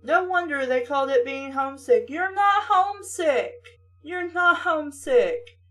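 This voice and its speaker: Expressive and a little slow, a woman with a high, fairly bright voice reads a story and repeatedly steps out of it to mock and question it sarcastically, a host arguing with the text. She sounds somewhat distant from the microphone.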